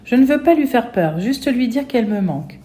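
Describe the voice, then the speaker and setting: Woman reader as a frantic, tearful mother, loud and pleading, mellow tone. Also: fairly high pitch, lively intonation, brisk, a little hiss or hum, voice pushed up, lightly acted. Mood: distraught. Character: desperate armed mother, tearful and shouting.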